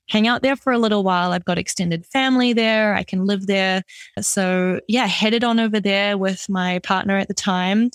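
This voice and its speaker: A woman's voice: mid-range voice, no echo. An upbeat young woman with a New Zealand accent talks freely as a podcast guest, peppering her speech with easy fillers. Her voice sits in a middle register. The recording is dry and close. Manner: upbeat, chatty, lots of "like" fillers. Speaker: guest product designer. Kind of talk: conversational interview.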